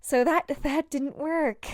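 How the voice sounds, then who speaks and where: Slow-talking young woman, valley girl lilt. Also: high-pitched, fairly even intonation, dry recording, studio quality. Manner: rambling, self-deprecating, frequent fillers. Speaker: hobby game developer. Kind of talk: casual devlog narration.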